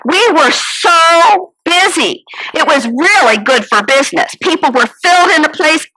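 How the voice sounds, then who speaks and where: A woman's voice: high-pitched, sharp tone, exaggerated voice, rough recording. A woman playing a fretful, business-minded innkeeper's wife, telling her story in a theatrical monologue. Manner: kvetching, theatrical, sighing and exclaiming. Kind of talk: first-person character monologue.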